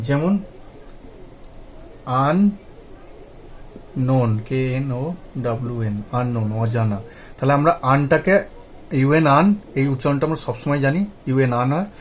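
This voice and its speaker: In a spoken lesson on English pronunciation, a man with a fairly high voice spells words out letter by letter and repeats them. He checks often that the viewer is following, with a little hiss or hum in the background.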